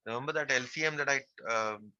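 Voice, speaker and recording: A man's voice: mid-range voice, quick pace, pushed and bright, dry recording, dull audio. A man teaching a math class online, working through a percentages problem step by step and repeating the key phrases.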